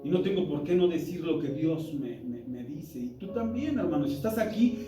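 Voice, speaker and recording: Man, Bible class teacher, slightly high voice, emphatic and chatty, echoey room, far from the mic, music underneath. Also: lively intonation, normal speed. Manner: conversational and emphatic, quizzing the congregation. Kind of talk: interactive church Bible lesson. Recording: roomy hall, distant mic, music behind.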